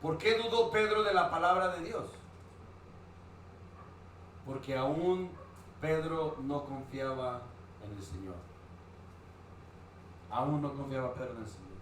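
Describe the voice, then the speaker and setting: A male preacher delivers a sermon and keeps asking the congregation questions. His voice sits a little high. He is recorded from a distance in a very echoey church hall with faint background noise. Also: animated, slow, pauses often, a bit bright.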